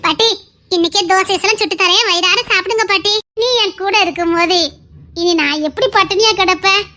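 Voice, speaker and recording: A woman voicing a spirited young wife in an audio drama, talking quickly in a teasing, emotional way. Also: very high-pitched, pushed and bright. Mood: tender. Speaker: voice actor in an audio serial. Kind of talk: Tamil audio drama acting.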